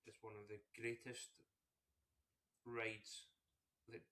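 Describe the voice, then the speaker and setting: Very low-voiced woman co-host. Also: flat delivery, slow pace, bright, forceful tone. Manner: enthusiastic, plainspoken, gives explanations. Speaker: podcast co-host. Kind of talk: casual chat.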